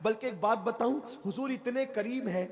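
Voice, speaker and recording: A man's voice: extremely high pitch, normal speed. A male preacher telling a moving story in a sermon, impassioned and repeating lines for effect. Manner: impassioned, repetitive storytelling with rising cries. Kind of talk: emotional religious sermon.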